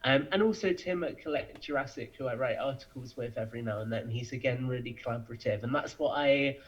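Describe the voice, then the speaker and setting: This young British podcast guest talks fast at a medium pitch, keeping things casual and eager. The recording sounds dull and lo-fi.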